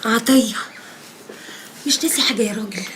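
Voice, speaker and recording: A woman's voice: a little high, fairly quick, fairly bright tone, a little hiss or hum, close to an everyday voice. An actress playing an Egyptian wife who needles her husband and bristles at his words. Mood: needling. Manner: needling, indignant.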